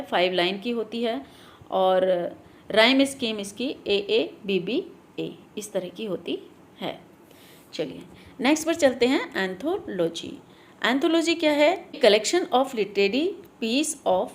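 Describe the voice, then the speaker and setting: A woman teacher running an exam revision class on literary terms, mixing Hindi and English, reading English definitions slowly and often adding "guys". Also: on the high side. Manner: often adds "guys" and "theek hai".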